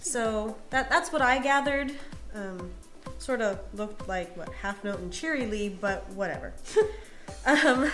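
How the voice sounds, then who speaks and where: A woman co-hosting a podcast review and presenting a segment, speaking in a measured, thoughtful way with filler words. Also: medium pitch, lively intonation, a bit bright, soft background music. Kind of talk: casual review chat.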